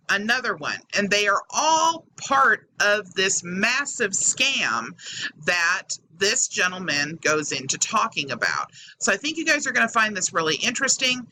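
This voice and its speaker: A YouTube host with a sharp-toned, mid-range voice addresses her subscribers in a casual way. A faulty microphone gives her a hollow, metallic, tinny quality, and fan noise hums in the background.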